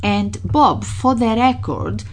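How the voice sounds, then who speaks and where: A woman conducting an oral history interview, asking polite, measured questions. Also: a little high, expressive.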